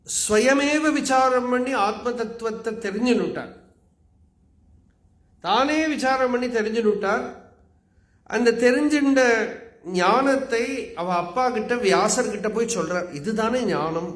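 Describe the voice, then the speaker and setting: Slow, high-voiced man chanting in a hall. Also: fairly bright tone. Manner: slow, measured chanting of verses, then plain explanatory talk. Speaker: spiritual teacher giving a discourse. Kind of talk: religious discourse with chanted verses. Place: large auditorium. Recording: echoey hall recording.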